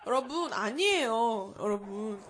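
Sarcastic woman, slightly high voice. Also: lively intonation, unhurried, a crowd in the background. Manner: sarcastic, teasing, addresses listeners directly. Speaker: podcast co-host. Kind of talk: casual movie-review chat.

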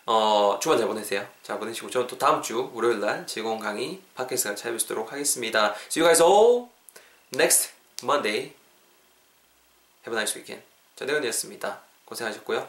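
A man's voice: mid-range voice, lively intonation, moderate pace. A man hosting a podcast English lesson, chatty and self-joking, who drills pronunciation by repeating words. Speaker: English teacher. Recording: echoey room.

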